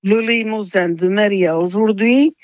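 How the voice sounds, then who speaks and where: Slow-speaking older Portuguese woman. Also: mid-range voice, a little mellow, no room sound, highs cut off. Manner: halting, many restarts and fillers. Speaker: interviewee. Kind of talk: radio interview.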